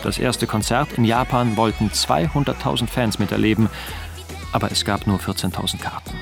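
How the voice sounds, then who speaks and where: A man reading a scripted documentary voice-over in a measured, even way. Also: on the low side, gravelly. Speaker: documentary narrator. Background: background music.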